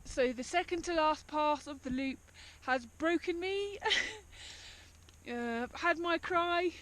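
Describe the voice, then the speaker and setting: Woman, high voice, video diary, blocked nose, tired and jokey. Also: slow, fairly bright tone. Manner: tired, joking, chatty. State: congested nose, worn out. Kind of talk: video diary from a cycling trip.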